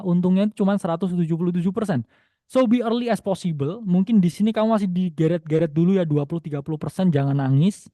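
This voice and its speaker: Brief: man, slightly high voice, dark mellow tone, casual webinar lecturer, dry close mic. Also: no echo. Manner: chatty, repeats "ya", mixes in English phrases. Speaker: crypto trading webinar presenter. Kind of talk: casual spoken webinar lesson.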